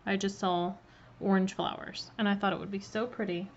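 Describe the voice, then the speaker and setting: A woman's voice: medium pitch, flat delivery, moderate pace. Chatty woman teaching on a live stream. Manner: chatty, greets viewers by name, filler ums. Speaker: cookie decorating instructor. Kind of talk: casual live-stream demonstration. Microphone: laptop mic. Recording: slightly muffled, faint background noise.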